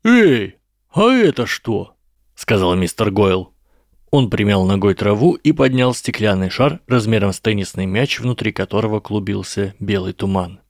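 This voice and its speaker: A man narrating a story aloud in an even, measured way on a close mic. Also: lowish voice, dry recording. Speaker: audiobook narrator.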